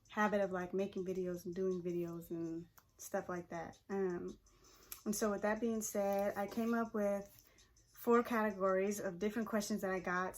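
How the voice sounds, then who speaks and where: Chatty young woman vlogging her makeup. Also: mid-range voice. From Pacific Northwest of the US. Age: 20s. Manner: relaxed and chatty, laughs often, lots of fillers. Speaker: hairstylist and vlogger. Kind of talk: casual chat while doing makeup.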